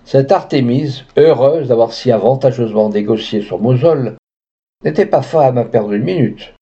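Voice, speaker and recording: Mellow-voiced man narrating an audiobook. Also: mid-range voice. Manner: measured literary reading. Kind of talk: scripted narration. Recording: dull lo-fi recording.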